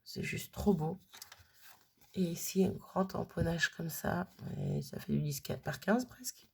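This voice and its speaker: Gravelly low-voiced woman gushing over crafts. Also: measured pace, a little mellow, slight background noise. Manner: gushing, chatty, keeps repeating her delight. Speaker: crafter unboxing a gift. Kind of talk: casual unboxing chat.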